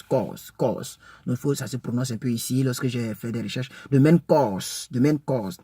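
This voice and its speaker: A man teaching English words to French speakers in a casual lesson, repeating each word slowly and chatting with many fillers. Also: mid-range voice, darkish tone, husky, no echo. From French-speaking country.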